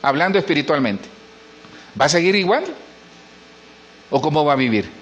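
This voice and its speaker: A man's voice: fairly high pitch, expressive, moderate pace, fairly bright tone, slight background noise. A middle-aged man, a pastor preaching a sermon in church and asking the congregation questions. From Honduras.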